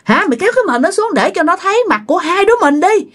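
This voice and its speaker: A woman voicing a furious female ghost haunting a mannequin, scolding and shouting threats. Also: very high voice, big pitch swings, rapid-fire, voice pushed up. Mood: shrieking.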